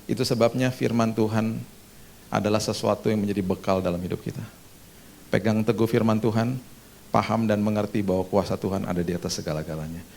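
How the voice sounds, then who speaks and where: A middle-aged male pastor preaching a sermon with a personal testimony, telling the story in a lively way and acting out voices with sudden loud, high bursts. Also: a little fast, vocal fry, slight background noise.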